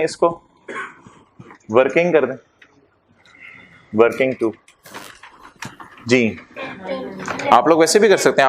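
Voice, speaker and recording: A man lectures a tax class in an ordinary mid-pitched voice, joking with the students and slipping English terms into his explanations. A faint hiss runs under the recording. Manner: lively, jokey asides mixing English terms.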